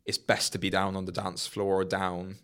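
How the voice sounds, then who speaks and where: A young man hosts a casual podcast discussion, his low, bright, smooth voice moving at normal speed with a completely flat delivery. He talks loosely and chattily, leaning heavily on fillers like "like" and "you know."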